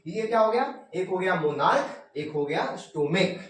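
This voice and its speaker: ऊँची आवाज़ वाले हिंदी शिक्षक. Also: male voice, high voice, lively intonation, fairly bright tone, a little hiss or hum. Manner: repeats "ठीक है" often, dictates rules slowly. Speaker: English grammar teacher. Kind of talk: classroom-style grammar lesson.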